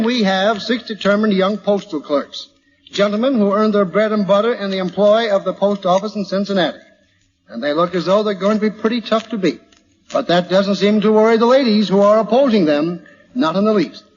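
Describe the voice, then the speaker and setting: Man, American accent, folksy old-time radio quizmaster, high pitch, muffled hissy recording. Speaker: quiz show host. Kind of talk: 1940s radio quiz show hosting. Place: large hall at a live radio broadcast. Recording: dull old radio recording, hall reverb, hiss.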